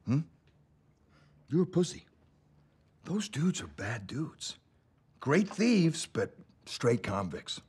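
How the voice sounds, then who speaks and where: A man's voice: deep voice, expressive, moderate pace, pauses often, breathy edge, heavily acted. A middle-aged man playing a menacing, taunting tough cop in a film interrogation, profane and sardonic. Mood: aggressive taunting. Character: menacing tough cop, crooked, taunting gang-like squad leader. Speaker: actor in a crime film. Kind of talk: naturalistic film interrogation acting. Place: indoors, lamp-lit hotel suite.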